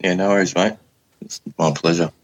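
An Australian man in his thirties, appearing as a podcast guest, casually tells a first-person story in the plain, colloquial manner of a laid-back working bloke. His deep voice keeps a steady tone at a brisk pace.

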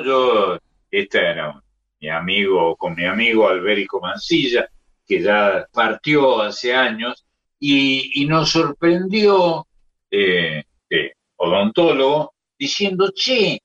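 A man, a radio host chatting casually and reminiscing in an unhurried way. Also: medium pitch, fairly bright tone. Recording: dull sound, distant mic.

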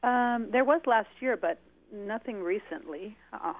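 A woman's voice: mid-range voice, measured pace, no room sound. A woman calling in to a radio show, polite and a little hesitant, heard over the phone line. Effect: phoned-in caller audio.

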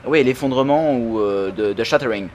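A man's voice: mid-range voice, normal speed, darkish tone. Brief: male podcast host, rambling, laughing, slight background hiss. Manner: chatty, laughing, rambling anecdotes. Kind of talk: casual chat.

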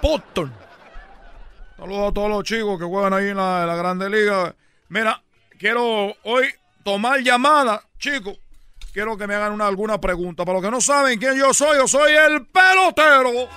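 Here a man plays the same boastful ballplayer for a radio comedy bit, teasing, chuckling, and boasting in a fake Caribbean Spanish accent that drops R's. The voice is high-pitched and sharp yet clean, at normal speed.

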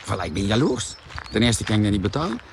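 A man with a Flemish accent, ranting animatedly and swearing as he pitches a diet product on a live vlog. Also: huge pitch swings, fast, creaky, noisy background. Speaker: product seller.

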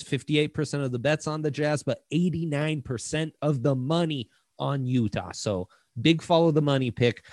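A man's voice: on the high side, no echo. Casual male betting co-host, dry sound. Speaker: sports betting show co-host. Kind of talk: casual sports betting commentary.

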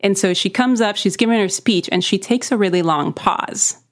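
A woman's voice: medium pitch, normal speed. A young woman from Mexico City, co-hosting a podcast and telling stories about herself in a casual interview chat, often laughing at herself. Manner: laughing, self-deprecating storytelling. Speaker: podcast co-host, guest.

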